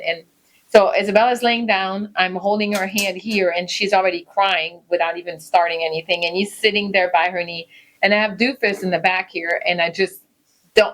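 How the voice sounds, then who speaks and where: Animated mother telling a family story. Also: on the low side, rough recording. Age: middle-aged. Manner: animated storyteller, acts out quotes, laughs easily. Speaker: podcast co-host, mother. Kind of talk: casual chat, lively storytelling.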